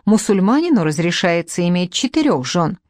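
A woman's voice: lowish voice, sing-song, moderate pace, darkish tone, no echo. A woman reading the part of a spiteful young second wife in an audiobook, taunting and cutting, in a dry recording. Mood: defiant.

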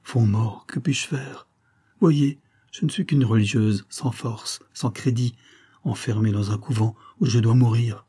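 A man's voice: medium pitch, fairly even intonation, unhurried, warm tone, slightly rough. A man reading an audiobook, voicing an anguished middle-aged nun who pleads and reproaches in a raised, strained voice. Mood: pleading. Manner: pleading, fearful.

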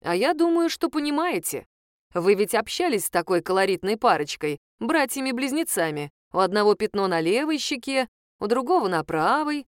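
A woman reader voicing a shrewd middle-aged female sleuth, who talks in a low, hushed and persuasive way. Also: sing-song, normal speed, no echo, clean studio sound. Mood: conspiratorial.

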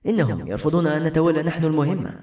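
A man voicing a tender, gentle queen. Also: fairly high pitch, voice pushed up, close to an everyday voice. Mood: calm. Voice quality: soft tender voice with a slight tremble. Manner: calm, motherly, measured. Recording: roomy echo with soft music.

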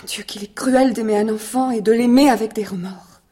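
A woman's voice: on the high side, a little fast, mellow, natural voice. An actress playing Adrienne, a kind and anxious lady in a radio drama, speaking earnestly and emotionally, at times in a whisper. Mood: tender.

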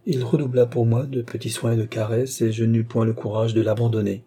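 A man's voice: medium pitch, flat delivery, a little fast, mellow, breathy edge, close to an everyday voice. A man reading a remorseful young woman. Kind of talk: audiobook reading.

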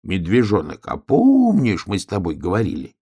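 A man voicing a small, wary male bear cub in a fairy tale, with a low, curt, grumbling way of talking. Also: huge pitch swings, normal speed, mellow, slightly rough, exaggerated voice. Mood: gruff.

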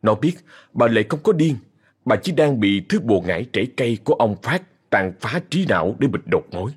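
A man with a Southern Vietnamese accent narrating a horror story in a measured, ominous way. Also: mid-range voice, big pitch swings, slightly rough.

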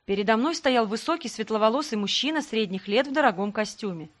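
A woman narrating a first-person fantasy novel in a calm, even storytelling manner. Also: on the high side, fast talker. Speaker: audiobook narrator.

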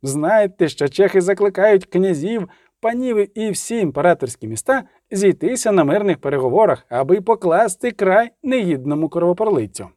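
A man voicing a fiery middle-aged street preacher who declaims and shouts to a crowd. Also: sits high, animated, normal speed, dry recording, studio quality. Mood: rousing.

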